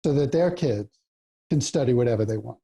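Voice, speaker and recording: A man speaking as a professor guest on a podcast, in a halting way that repeats his words as he talks. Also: mid-range voice, expressive, vocal fry, dark tone, breathy edge. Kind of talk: casual interview chat.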